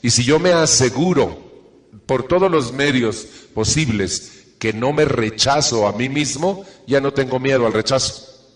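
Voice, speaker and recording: A man's voice: medium pitch, measured pace, big-room sound. A middle-aged man, giving an earnest self-help talk to a live audience and checking in with rhetorical questions.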